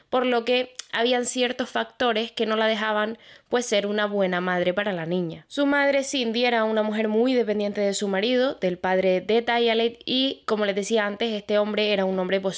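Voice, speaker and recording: A young woman hosting her own channel, telling a true crime case in a chatty way and speaking straight to her viewers. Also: medium pitch. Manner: chatty, addresses viewers directly, fillers like "pues". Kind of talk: casual true crime narration.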